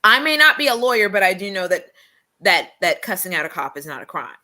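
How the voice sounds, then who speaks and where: Bright-voiced blunt woman podcaster. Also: medium pitch, sing-song, fairly quick. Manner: blunt, emphatic, sarcastic. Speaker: podcast co-host. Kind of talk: casual opinionated chat.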